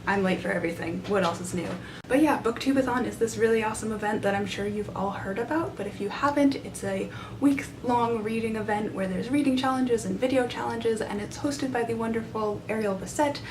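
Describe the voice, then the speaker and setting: A young adult woman chatting casually and enthusiastically to camera as a book vlogger, recorded on a handheld camera in a small room. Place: small side room in a library, indoors. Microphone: camera at arm's length. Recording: noisy room with low rumble.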